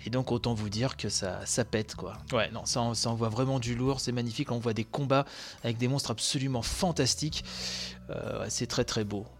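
A man hosting a video game news show from home, commenting live on trailers in a casual, excited, slangy way. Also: medium pitch, a little fast.

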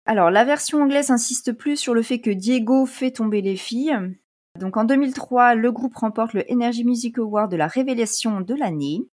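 Woman co-host for a relaxed music chat; talkative, quick to laugh. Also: fairly high pitch. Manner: chatty, laughs often, many fillers. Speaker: podcast co-host. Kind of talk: casual chat.

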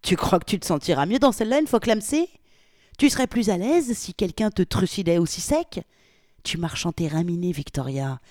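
A woman's voice: lowish voice, lively intonation, normal speed, darkish tone, dry recording, studio quality, voice pushed up, close to an everyday voice. A woman voicing a brutal gangster, Polly. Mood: furious. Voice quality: harsh, swearing, barking orders. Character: angry brutal male gangster, foul-mouthed.

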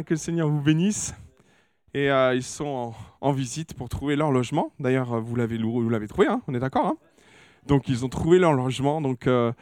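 A male pastor greeting a church congregation and making announcements, warm and hesitant with many fillers and restarts. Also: on the high side, dry recording, studio quality. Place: church hall.

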